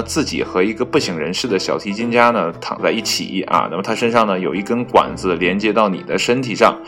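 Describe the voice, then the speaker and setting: Guy with a really low voice reading some article out loud, super casual, lots of little filler words, trips over names and fixes them, quiet music in the back. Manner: stumbles on foreign names and corrects himself aloud; heavy use of filler particles between phrases. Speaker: reader of an online article. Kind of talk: casual read-aloud with chatty asides.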